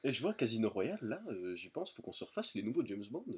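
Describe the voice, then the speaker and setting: Male co-host, husky, wildly expressive pitch, teasing quips. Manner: teasing, quick reactions, playful exclamations. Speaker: podcast co-host. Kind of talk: casual chat.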